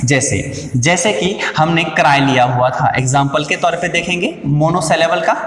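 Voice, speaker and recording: A man teaching a grammar lesson, posing questions to his students, answering them himself and repeating key words slowly. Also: a little high, a bit bright. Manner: calls listeners "dear" and "my brother". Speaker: English teacher. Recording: echoey room with long reverb.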